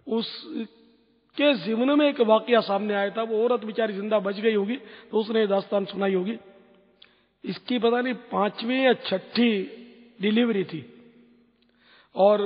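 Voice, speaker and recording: A middle-aged man answers religious questions, telling stories with earnest exclamations. His voice sits high and a little husky. The recording is lo-fi and rings with a long hall echo.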